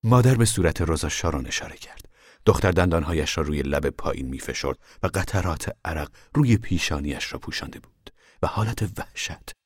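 A man reading a novel aloud as scripted narration, measured, dropping low and soft in descriptive passages. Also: expressive, breathy edge, dry recording, clean studio sound. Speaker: audiobook narrator.

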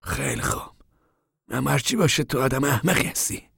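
A man's voice: medium pitch, very animated, vocal fry, fairly bright tone, breathy edge, dry recording, clean studio sound, voice pushed up, exaggerated voice. A man voicing an impulsive, defiant young man who protests being ordered around.

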